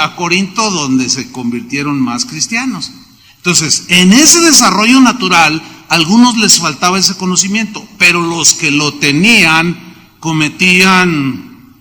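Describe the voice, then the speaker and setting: A man preaching a sermon as pastor, telling stories with lively asides. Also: high voice, measured pace. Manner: storytelling preacher who acts out quoted voices. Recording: long reverb of a large hall.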